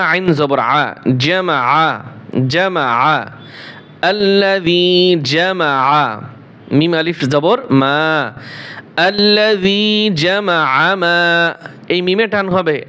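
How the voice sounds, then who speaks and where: A man teaches Quran recitation. His voice is smooth, clear and a little high. He speaks slowly and carefully as he spells each word, then chants the verse in long, drawn-out tones. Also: a bit bright.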